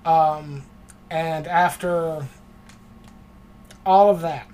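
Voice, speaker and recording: A man hosting a casual podcast chat, talking low and very close to the microphone. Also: steady tone, very slow, a little mellow. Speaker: podcast host. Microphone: close to the mic.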